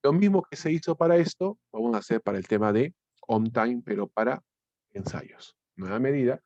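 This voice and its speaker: A man teaching a software tutorial, explaining step by step, often restarting words and checking in with his listeners. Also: medium pitch, animated, moderate pace, dry recording, dull audio. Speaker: instructor. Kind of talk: screen-recorded software tutorial.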